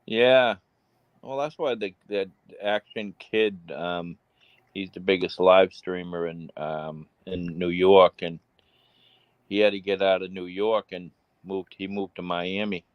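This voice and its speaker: A man's voice: low voice, fairly even intonation, slow, clean tone, no echo, highs cut off. A man with a Boston accent in casual chat on a live stream, rambling with many restarts.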